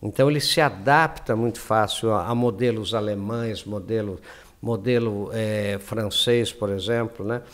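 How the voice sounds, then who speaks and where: A man's voice: on the low side, moderate pace. A Brazilian man speaking Brazilian Portuguese as an interview guest, rambling and often ending with tag questions. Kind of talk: casual interview chat.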